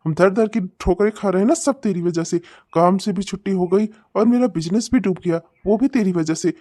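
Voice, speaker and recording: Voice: mid-range voice, fairly quick, lightly acted. A voice actor playing an abusive, short-tempered husband and father in a cartoon, hurling insults and threats. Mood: angry. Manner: shouting insults, snarling and threatening. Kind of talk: cartoon comedy voice acting.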